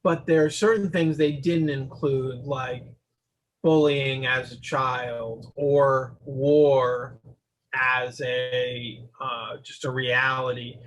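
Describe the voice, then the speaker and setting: A man speaking as a psychotherapist guest in an interview, explaining his ideas in a measured way. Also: medium pitch, fairly even intonation, low-quality recording.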